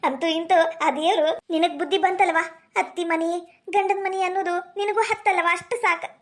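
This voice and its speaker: Brief: woman doing a doting old village mother-in-law, very high and shrill, North Karnataka accent, quick, coaxing. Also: steady tone. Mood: tender. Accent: North Karnataka Kannada. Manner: coaxing, fond scolding. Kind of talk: village comedy skit.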